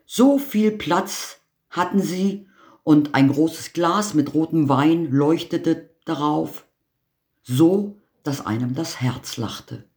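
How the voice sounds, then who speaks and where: A man reading a fairy tale aloud in an unhurried, measured way, his voice sitting a little high. The recording has a roomy echo. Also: a little mellow. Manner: slow, measured storytelling. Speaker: narrator.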